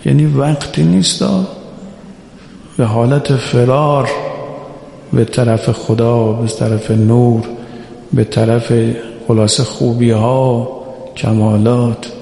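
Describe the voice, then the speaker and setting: A man preaching a religious sermon who urges his listeners on and slowly chants quoted scripture. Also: medium pitch, steady tone, gravelly, mellow. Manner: exhorting, quotes Arabic scripture in slow chant. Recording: echoey hall reverb.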